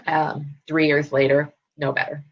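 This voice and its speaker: A husky-voiced woman in her thirties talks as an interview guest. She is chatty and fills her speech with restarts and fillers. The video call audio sounds dull and lo-fi. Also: sits low, flat delivery, measured pace. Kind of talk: casual interview chat.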